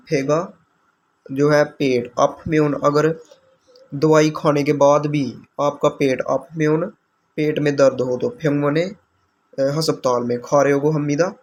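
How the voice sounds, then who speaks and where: Flat-toned man patiently explaining a lesson. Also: a little high. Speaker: language teacher. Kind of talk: explaining exam questions.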